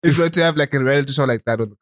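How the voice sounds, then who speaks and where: A man's voice: medium pitch, racing, no room sound, studio quality. A young man co-hosting a podcast in a casual, slangy chat style. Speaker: podcast co-host.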